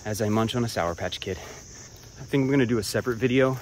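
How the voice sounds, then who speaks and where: A man vlogging hiking tips while walking a trail outdoors, relaxed and a bit profane, talking between breaths. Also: medium pitch, fairly quick, a little hiss or hum. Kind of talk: casual talk while hiking. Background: crickets and insects.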